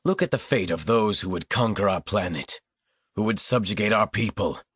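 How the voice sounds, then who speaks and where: A man's voice: fairly low pitch, normal speed, a bit bright, breathy edge, no echo, clean studio sound. A man reading an audiobook, voicing a brutal, vengeful male rebel who talks in a cold, menacing way. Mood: ranting.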